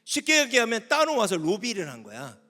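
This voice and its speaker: High, bright-voiced male pastor preaching. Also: a little fast. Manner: animated, questions the audience, rising to shouts. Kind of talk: youth camp sermon. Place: large hall at a youth camp. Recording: long hall reverb with faint instrument music.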